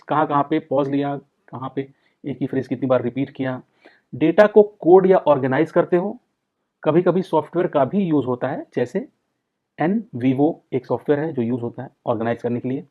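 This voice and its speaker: A man teaching a psychology lecture for exam prep, explaining step by step and repeating key points. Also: fairly high pitch. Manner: explains in Hindi mixed with English terms, repeats key points. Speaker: psychology tutor. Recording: dull, lo-fi sound.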